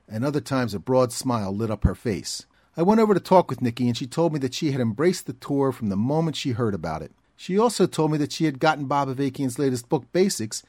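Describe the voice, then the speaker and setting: A man's voice: mid-range voice, a little mellow, no echo. Man narrating a documentary in a dry voice. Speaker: narrator and reporter.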